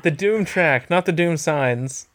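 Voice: medium pitch, animated, slow pace. A game master running a tabletop game, prompting the players with brief questions and rules reminders.

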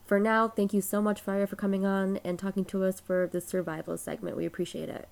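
A woman hosts a podcast in a casual, friendly way. She talks loosely and fills her sentences with ums and likes. Her voice sits in a middle pitch. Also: flat delivery, fast, vocal fry. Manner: friendly, loose, many fillers. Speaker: podcast host. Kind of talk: casual chat.

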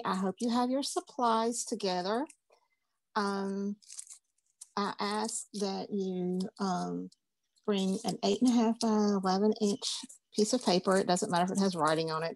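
A woman's voice: mid-range voice, steady tone, moderate pace, gravelly, a little mellow, slight background noise. A woman, teaching a craft class in a chatty, upbeat, folksy way. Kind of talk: casual craft class instruction.

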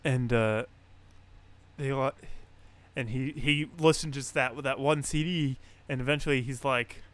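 A man's voice: medium pitch, unhurried. A man co-hosting a podcast, casually retelling a story with lots of fillers and frequent laughs. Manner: relaxed, filler-heavy retelling, laughs often. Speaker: podcast co-host. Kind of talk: casual chat.

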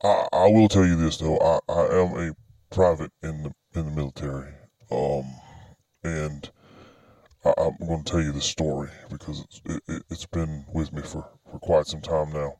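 A man plays a frightened, anonymous military private telling his secret story as confessional testimony for a podcast. His voice is disguised deep by a pitched-down voice changer, level and warm in tone, recorded dry. Nervous and scared, he stammers, halts, and repeats words.

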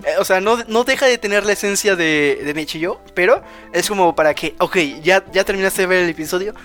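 A man's voice: high-pitched, fairly quick, fairly bright tone. Guy rambling through an anime recap on a podcast, lots of "no sé qué", bit of music way in the back. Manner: rambling retelling full of fillers and "que no sé qué". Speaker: podcast co-host. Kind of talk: casual chat recapping an anime episode.

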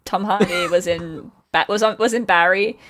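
A woman's voice: lowish voice, fairly even intonation, moderate pace, a bit bright. A woman from Wales hosting a podcast, chatting casually and joking with friends. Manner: chatty, jokey, laughs often. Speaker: podcast host. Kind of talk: casual group chat.

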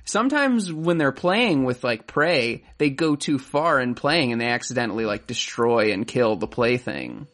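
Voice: mid-range voice, lively intonation, moderate pace, hardly any pauses, a bit bright. A podcast co-host in casual banter, musing in a rambling, tentative way. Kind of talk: casual banter about music.

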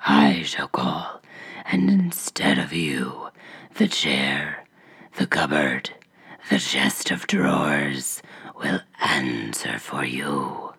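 A woman voicing a huge, tall, stout female ogress in a hoarse, very low whisper. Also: big pitch swings, drawn-out words, a bit bright, exaggerated voice. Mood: scheming.

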